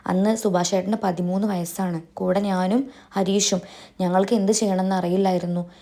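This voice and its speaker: A woman's voice: medium pitch, steady tone, normal speed, warm tone. A woman narrating a TV serial episode recap as a host, telling it in a chatty storytelling way. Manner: chatty storytelling, adds tag questions.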